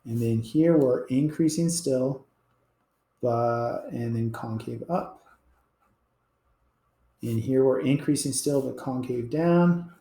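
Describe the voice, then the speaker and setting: A man's voice: mid-range voice, slow, long pauses. A man teaching a calculus class, explaining casually and letting his voice drop off at the end of each point. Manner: casual and explanatory, trails off quietly at ends of points. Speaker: math teacher. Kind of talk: classroom lecture at a board. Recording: roomy classroom echo.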